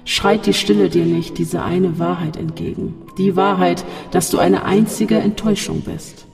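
A narrator voicing a sinister male voice that taunts from a dark shaft in an audiobook, over faint music in a long reverb. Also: medium pitch, fairly even intonation, moderate pace, vocal fry. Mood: taunting. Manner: mocking, then coaxing and seductive.

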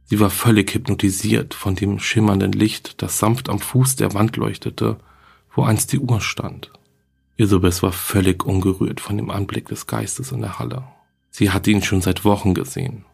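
A man giving a storybook narration in a steady, measured reading voice. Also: on the low side, creaky, breathy edge.

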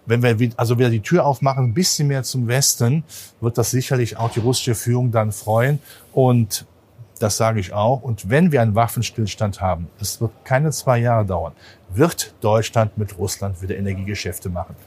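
A man as a market analyst guest in an interview, talking in an animated, emphatic way with many fillers, recorded on a stock exchange trading floor. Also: mid-range voice, normal speed, husky.

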